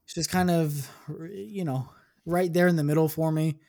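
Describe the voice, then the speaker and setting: A man co-hosting a film review podcast, giving his opinions in measured, dry remarks. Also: a little high, fairly even intonation, vocal fry, dark tone. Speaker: podcast co-host. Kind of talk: casual film review chat.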